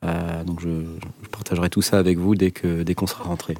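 A man's voice: low voice, little pitch movement, a little fast, a little mellow. A man hosting a casual chat, talking hesitantly with many filler sounds.

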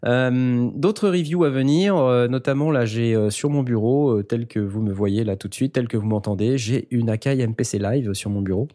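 A man's voice: mid-range voice, normal speed, hardly any pauses, warm tone. A man hosting a casual podcast chat, joking about himself between frequent hesitations. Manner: jokey, self-mocking, hesitant with many fillers. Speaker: podcast host.

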